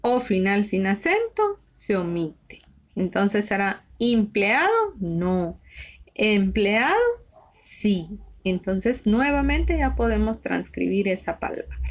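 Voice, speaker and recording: A woman's voice: mid-range voice, very animated, takes it slowly, darkish tone. A woman teaching a shorthand lesson, patiently spelling out letters one by one. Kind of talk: slow step-by-step lesson. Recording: slightly dull lo-fi recording.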